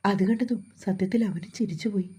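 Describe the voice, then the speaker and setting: A woman narrates a romantic story in a calm, steady reading voice. Her tone is notably dark and mellow, with a husky, breathy edge. Her pitch sits in the middle range. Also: brisk.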